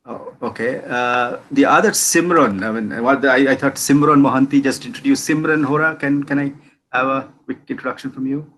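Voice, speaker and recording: A man teaching a class, briskly calling names and acknowledging each student over a video call. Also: medium pitch, a bit bright, rough recording. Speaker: college instructor. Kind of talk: online class roll call.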